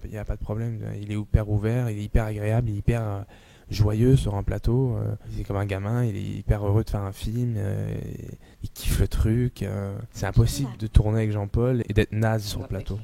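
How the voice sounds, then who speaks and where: Low-voiced relaxed actor. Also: male voice. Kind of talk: interview.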